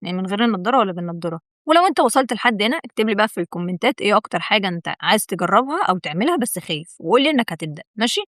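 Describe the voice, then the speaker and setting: A woman's voice: mid-range voice, big pitch swings, rapid-fire, few pauses, a bit bright, no echo, studio quality. A young woman with an Egyptian Arabic accent, hosting her own video and giving a chatty, encouraging motivational talk straight to the viewer, repeating words for emphasis. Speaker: video host.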